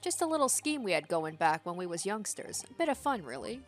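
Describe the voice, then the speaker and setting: A woman's voice: medium pitch, sing-song, fairly quick, soft background music, natural voice. A woman voicing a chummy, shifty working-class male crook from a video game, with slangy, matey talk. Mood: cheeky, chummy. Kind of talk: video game character read-aloud.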